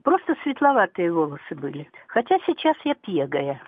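A woman in her eighties calling in to a live show over a tinny phone line, talking in a hesitant, halting way. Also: on the low side, sing-song, slightly rough, no room sound. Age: 80s. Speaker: caller to a live radio show. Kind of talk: phone-in chat.

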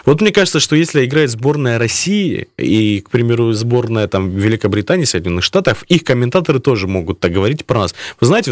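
A man's voice: mid-range voice, dry recording, clean studio sound. A man hosting a conversational radio interview, putting long, wordy questions to his guests. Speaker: radio host. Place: radio studio.

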